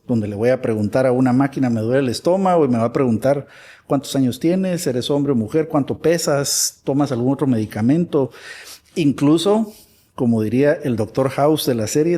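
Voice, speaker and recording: A man's voice: mid-range voice, animated, moderate pace, mellow. A man from Guatemala, a guest expert in a conversational interview, who talks animatedly and acts out imagined dialogues.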